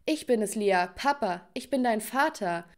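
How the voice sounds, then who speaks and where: A woman reads a father in hiding who urgently pleads with his daughter. He sounds earnest and anxious. He speaks in an animated storybook. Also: medium pitch, measured pace, natural voice. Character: desperate hiding father on phone.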